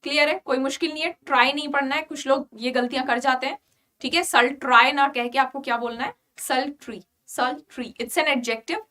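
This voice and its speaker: A woman with an Indian accent teaching an exam-prep vocabulary lesson, mixing Hindi and English and often checking "clear?". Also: high-pitched, a little fast. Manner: lively, repeats "clear?" to check understanding. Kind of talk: online class lesson.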